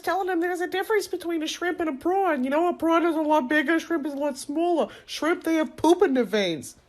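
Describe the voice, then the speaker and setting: Indignant high-voiced woman. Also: a little fast. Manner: indignant, mock-offended. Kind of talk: casual comedic talk.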